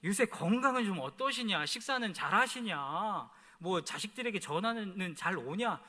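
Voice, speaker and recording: A man's voice: high-pitched, animated, moderate pace, bright, forceful tone, exaggerated voice. A man preaching in a church, quoting his wife's reproachful questions to him. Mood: scolding. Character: nagging wife scolding her husband. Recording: echoey church hall.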